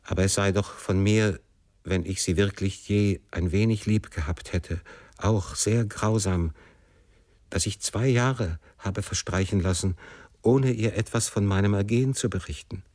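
Deep-voiced man narrating a classic novel. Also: a little mellow, no room sound. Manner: emotive, measured first-person storytelling. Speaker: audiobook narrator.

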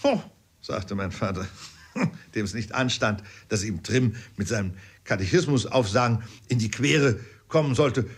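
Audiobook narrator, man, husky tone, measured literary reading. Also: lowish voice. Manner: measured storytelling with occasional fillers.

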